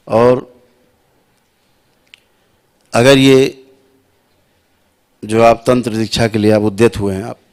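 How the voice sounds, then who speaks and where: Unhurried male spiritual teacher, low voice, deliberate, repeats sounds, asks listeners if they follow. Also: a little mellow. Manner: asks listeners "है ना" and "समझ रहे हैं आप". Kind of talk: slow spiritual instruction to devotees.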